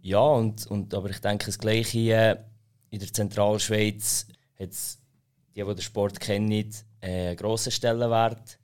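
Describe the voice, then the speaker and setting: A man with a Swiss German accent answers interview questions in a low voice with very little melody. He explains things factually and a bit haltingly, like a club official. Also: flat delivery, darkish tone, clean tone. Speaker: sports association president, interview guest.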